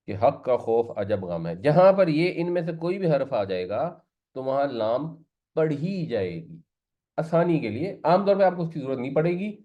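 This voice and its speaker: A man teaching a lesson on Arabic grammar, explaining step by step and slipping English words into his talk. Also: medium pitch. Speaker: Quran teacher. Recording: slightly muffled lo-fi recording.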